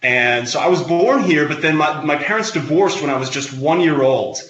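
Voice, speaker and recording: A man in his thirties who grew up in Wisconsin, giving relaxed, explanatory interview answers. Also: a little high, moderate pace, highs cut off, a little hiss or hum. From Wisconsin, United States. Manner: relaxed, explanatory, with many uh fillers. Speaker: guest. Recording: roomy sound, faint background ambience.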